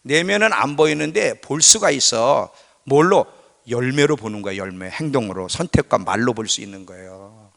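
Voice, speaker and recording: A man's voice: mid-range voice, lively intonation, normal speed, creaky, a bit bright. A male pastor preaching a sermon in a conversational way, often putting questions to his congregation. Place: church sanctuary. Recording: church hall with long reverb.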